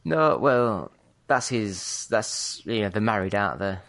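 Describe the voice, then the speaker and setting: A man's voice: on the low side, measured pace, gravelly. Chatty British man, casual podcast talk. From Britain. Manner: relaxed, chatty, hedging. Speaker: podcast co-host. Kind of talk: casual chat.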